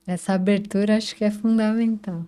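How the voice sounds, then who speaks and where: A Brazilian woman speaking calmly and in a measured way on a discussion panel. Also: medium pitch, clear, resonant tone. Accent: Brazilian Portuguese. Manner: calm, measured, with frequent "né".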